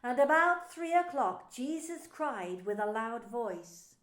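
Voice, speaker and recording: A woman pastor narrating a scripture story in a slow, solemn reading. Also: a little high, sing-song, a bit bright, roomy sound.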